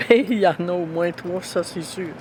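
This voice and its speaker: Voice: mid-range voice, moderate pace, noisy background. An older retirement home resident, speaking casually and a little unsure.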